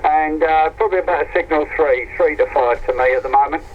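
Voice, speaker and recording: A man's voice: fairly high pitch, brisk. Cheery man heard over CB radio. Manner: cheery, uses radio jargon. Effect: heard over a CB radio link. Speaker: CB radio operator, mobile. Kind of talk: casual CB radio chat with signal reports. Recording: muffled, noisy CB radio transmission.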